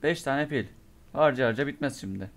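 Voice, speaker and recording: Young guy doing let's play commentary, kinda hoarse from a sore throat, muttering and cursing at the game. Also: medium pitch, brisk. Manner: mutters to himself, curses and reacts in bursts. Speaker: gamer playing a horror game.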